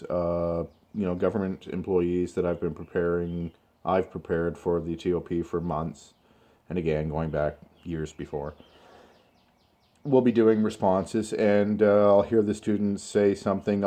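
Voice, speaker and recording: Slow, deliberate low-voiced male teacher. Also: mellow. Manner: slow, deliberate, with stretched words and pauses for emphasis. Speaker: English teacher. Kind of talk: spoken grammar lesson.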